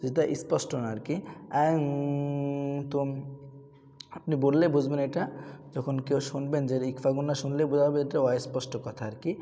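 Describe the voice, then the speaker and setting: A man's voice: mid-range voice, steady tone, quick pace, dark tone, in a large hall. A man teaching Quran reading rules, asking questions and answering them himself, with repeated drills of syllables. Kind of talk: tajweed lesson with recitation drills.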